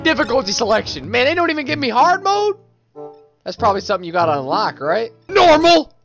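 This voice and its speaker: A man doing casual, slangy gaming commentary as a loud, excitable frat bro, whooping and exclaiming, his voice strained from yelling. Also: extremely high pitch, quick pace, gravelly, lo-fi sound. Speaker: let's play streamer. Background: game music and sound.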